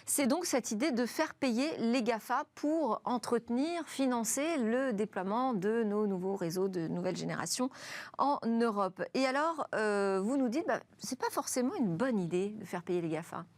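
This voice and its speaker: A woman's voice: fairly high pitch, animated, normal speed, no room sound. Woman hosting a TV tech interview. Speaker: tech show host.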